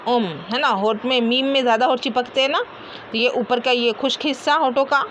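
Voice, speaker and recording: A woman teacher, slowly drilling letter sounds and repeating each one aloud, often checking with "है ना?". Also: fairly high pitch, a bit bright, lo-fi sound, slight background noise. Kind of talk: Quran letter pronunciation lesson.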